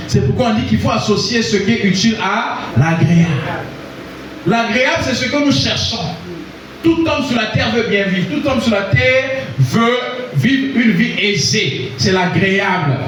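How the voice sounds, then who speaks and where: A man from Congo preaching a sermon, calling out to the congregation for responses and rising to shouts. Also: sits high, slight background noise. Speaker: pastor. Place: church hall. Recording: echoey hall, voice from far off.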